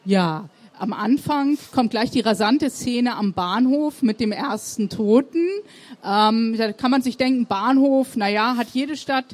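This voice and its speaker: A woman's voice: fairly high pitch, unhurried. A woman hosting a book interview, asking questions in a conversational way with some fillers. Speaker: interviewer, host.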